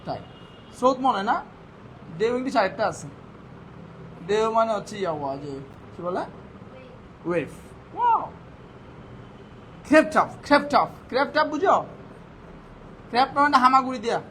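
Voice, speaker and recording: A man's voice: very high-pitched, very animated, moderate pace, long pauses, bright, forceful tone, rough recording. A male teacher giving a classroom vocabulary lesson, firing questions at his students and answering them himself. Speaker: English teacher. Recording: faint background noise.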